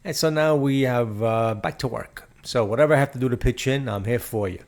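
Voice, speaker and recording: Middle-aged father, jokey and deliberate. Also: medium pitch, darkish tone. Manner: jokey, deliberate, a bit stiff and scripted. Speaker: guest, host's father. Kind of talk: casual chat.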